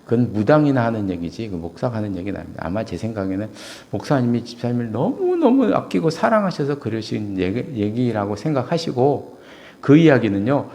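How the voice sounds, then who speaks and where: A middle-aged man preaching a sermon in a church, telling stories and acting out quoted dialogue, rising to loud exclamations and dropping to quiet asides. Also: very animated, fairly quick. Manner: swings between loud raised exclamations and quiet low asides; storytelling, acts out quoted dialogue. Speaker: pastor. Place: church sanctuary.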